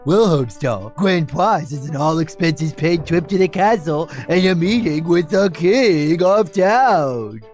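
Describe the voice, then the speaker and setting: Booming, dim cartoon colonel, swooping pitch. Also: male voice, expressive, measured pace, hardly any pauses, a little mellow, faint music behind. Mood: showy, booming. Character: dim, excitable cartoon athlete turned self-appointed colonel, male. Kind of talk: cartoon game acting.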